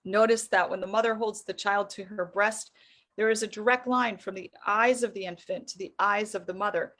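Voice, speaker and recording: A woman's voice: medium pitch, fairly bright tone. A middle-aged woman giving an earnest, explanatory faith-based teaching talk on psychology, asking her listeners rhetorical questions.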